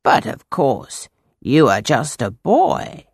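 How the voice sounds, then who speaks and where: A woman voicing a gruff, scornful old female fortune-teller who speaks slowly and cryptically. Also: very deep voice, wildly swooping pitch, dry recording, studio quality, exaggerated voice.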